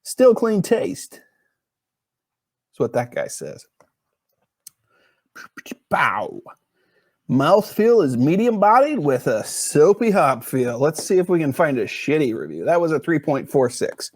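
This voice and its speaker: A man's voice: fairly high pitch, very animated, normal speed, hardly any pauses, a little mellow, breathy edge, dry recording. Rambling jokey man reviewing beer. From US Pacific Northwest. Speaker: podcast host reviewing beer. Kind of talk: casual solo beer review.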